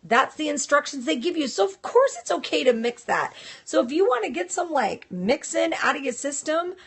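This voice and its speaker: Woman, live-stream host, casual talk, direct and chatty, somewhat high voice. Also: very animated, moderate pace, creaky. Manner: chatty and direct, reacting to viewers.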